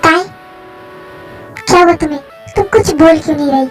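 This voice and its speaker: A woman's voice: very high-pitched, normal speed, faint music behind. A woman voicing an anxious, protective young man in a fan story, talking in a pleading, fretful way. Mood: desperate.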